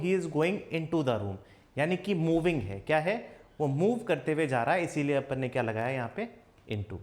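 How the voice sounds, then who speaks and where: A man teaching English grammar in a coaching class. He keeps asking questions and answering them himself, and he says his English examples slowly. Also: fairly high pitch. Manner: slow, spelled-out English examples. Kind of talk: classroom lesson.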